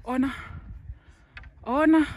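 A woman's voice: high-pitched, fairly even intonation, takes it slowly, low-quality recording. A young Kenyan woman chatting casually into her phone on a hike, switching between English and Swahili. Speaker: vlogger. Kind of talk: casual hiking vlog. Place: outdoors on a windy mountain trail. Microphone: phone camera held at arm's length. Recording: wind noise on phone mic.

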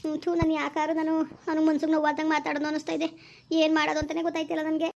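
Woman playing a fretful young village woman; rural Kannada accent, high voice, flat delivery. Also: very fast, vocal fry, highs cut off. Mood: anxious. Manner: fretful, sighs and tuts. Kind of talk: village skit acting.

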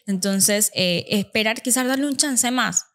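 Calm woman speech therapist explaining. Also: a little high, a little slow. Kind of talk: explanatory podcast conversation.

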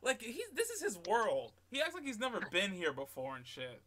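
A man co-hosting a casual chat, excitable and rambling, swearing casually. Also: sits high, moderate pace. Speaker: podcast co-host. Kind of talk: casual chat reacting to a trailer.

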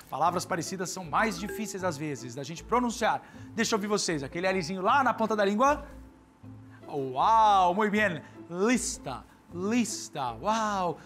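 An actor with a Brazilian Portuguese accent playing a cheerful, theatrical doctor who teaches languages to children on a scripted kids' TV show, drawing out words and calling playfully to the viewers. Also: male voice, sits high. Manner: animated, drawn-out words, playful calls to kids.

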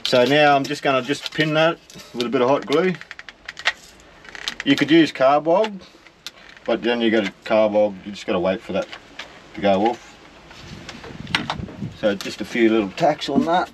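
A man's voice: mid-range voice, expressive, moderate pace, pauses often, noisy background. A middle-aged Australian man plainly explaining a boat repair as he works, bent over a floor hatch in a small boat cabin. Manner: plain, practical explaining while working. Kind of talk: hands-on work demonstration.

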